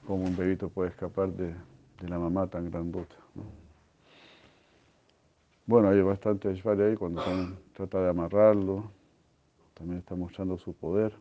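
A man telling a devotional story as a religious lecture, speaking slowly and deliberately, often clearing his throat and asking "¿no?". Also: deep voice, steady tone. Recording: dull lo-fi recording.

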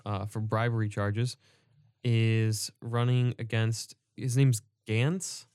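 Young man, smooth clear voice, dry sound, casual podcast co-host, hesitant fillers. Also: fairly low pitch, little pitch movement, slow, darkish tone, no room sound. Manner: steers topics, hesitant with fillers. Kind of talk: casual political discussion.

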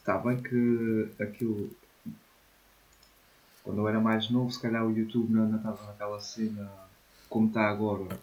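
A man's voice: fairly low pitch, little pitch movement, moderate pace, pauses often, darkish tone. Slangy young European Portuguese man. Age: 20s. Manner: slangy, informal, swearing. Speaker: podcast co-host. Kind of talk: casual chat.

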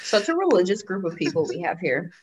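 Young woman co-host, lively swooping voice, blunt and sweary. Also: fairly low pitch, a little fast, breathy edge. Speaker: podcast co-host. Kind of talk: casual chat.

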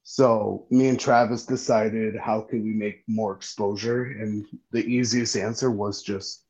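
A man's voice: on the low side, little pitch movement, measured pace, a little mellow, muffled recording. A man on a podcast as a guest, chatting in a friendly way with many ums and restarts. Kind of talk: casual podcast chat.

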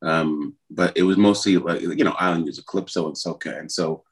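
In a conversational interview, a middle-aged musician from Trinidad tells his story as a guest, rambling and hesitant with lots of fillers. His voice is low-pitched and fairly quick.

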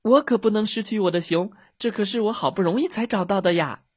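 A man voicing an excitable male rabbit who reads eagerly from his book in a children's story. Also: fairly high pitch, unhurried, slightly rough, no echo, studio quality, pitched above the performer's own voice, exaggerated voice. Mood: alarmed. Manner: reads loudly and dramatically from his book, drops to a whisper when hushed.

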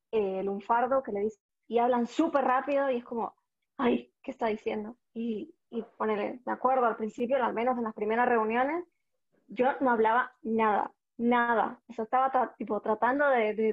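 A Salvadoran woman chatting casually as a guest, telling stories and acting out what people said. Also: fairly high pitch. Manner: chatty, animated storytelling with quoted voices. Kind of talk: casual chat. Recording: dull lo-fi audio.

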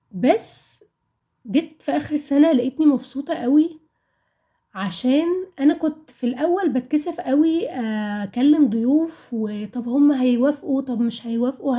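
Young Egyptian woman, mellow higher-pitched voice. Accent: Egyptian Arabic. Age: around 20. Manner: candid, conversational, asks rhetorical questions and answers them. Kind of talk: casual personal storytelling and reflection to listeners.

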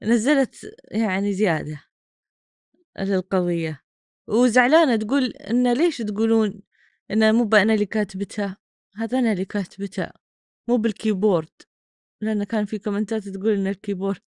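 A woman's voice: medium pitch, a little fast, pauses often, a little mellow, no room sound, studio quality. A woman hosting a podcast, commenting on clips in a mocking, exasperated way. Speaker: podcast host reacting to clips. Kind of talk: sarcastic commentary.

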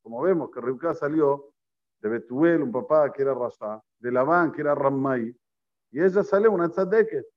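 Rabbi, lo-fi. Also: male voice, mid-range voice, animated, moderate pace. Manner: storytelling, poses questions to listeners, mixes in Hebrew terms. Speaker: rabbi teaching a class. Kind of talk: Torah class to a live group. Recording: lo-fi recording.

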